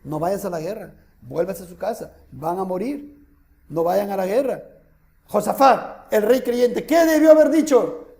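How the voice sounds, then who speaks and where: A man with a Peruvian accent preaching a sermon as pastor, lively and full of rhetorical questions to the congregation. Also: high voice, unhurried, reverberant. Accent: Peruvian Spanish. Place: church hall.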